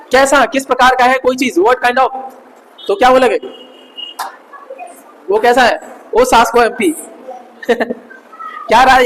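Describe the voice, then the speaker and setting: A man's voice: extremely high pitch, fairly bright tone, in a large hall, a little hiss or hum, low-quality recording. A male teacher giving a chatty grammar lesson, quizzing and joking with his students in a classroom.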